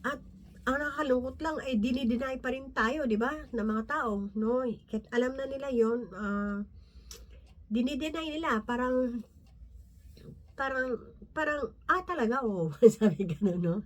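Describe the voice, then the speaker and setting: Woman preaching casually with constant tag questions. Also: high-pitched. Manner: conversational, frequent tag questions, restarts and soft laughs; reads scripture slowly from her notes. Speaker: lay preacher. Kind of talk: informal Bible talk.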